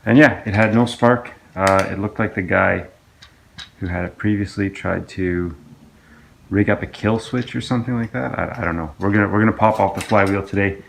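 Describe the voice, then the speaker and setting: A man's voice: on the low side, moderate pace, gravelly, a little hiss or hum. A man casually narrating his work on an old outboard engine in a home workshop, with lots of hesitant restarts and fillers. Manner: rambling, hesitant, full of restarts and ums.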